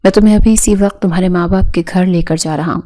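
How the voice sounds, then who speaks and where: A woman's voice: on the low side, steady tone, warm tone, close to an everyday voice. A woman reading as a shaken, guilty young man. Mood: remorseful. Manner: pleading, voice broken.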